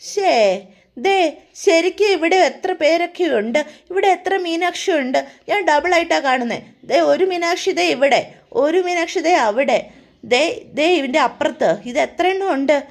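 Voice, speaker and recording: A woman's voice: extremely high pitch, normal speed, voice pushed up. A woman voicing a drunk, bitter young husband who taunts his wife. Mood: drunken.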